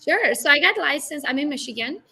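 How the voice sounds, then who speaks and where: A middle-aged woman from Romania with a Hungarian-Romanian accent appears as a guest real estate broker on a video call interview, in casual interview talk. She speaks confidently, often ending points with "right?", in a high, lively, slightly fast voice that is creaky, bright, and forceful, with slight background noise.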